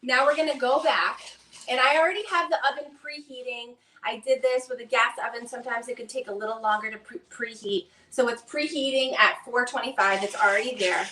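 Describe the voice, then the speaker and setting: Woman, Boston accent, chatty cooking-demo host, bright voice; echoey kitchen, distant mic. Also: on the high side, fairly even intonation, brisk. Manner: upbeat, chatty, talks to viewers while working. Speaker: cooking demonstrator. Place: home kitchen.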